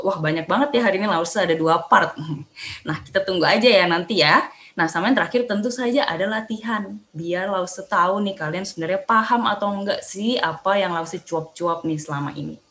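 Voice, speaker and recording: A woman's voice: medium pitch, brisk, fairly bright tone. Young woman, Mandarin teacher, cheerful and chatty, exaggerated tone drills, roomy echo. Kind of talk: online language lesson. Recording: echoey room.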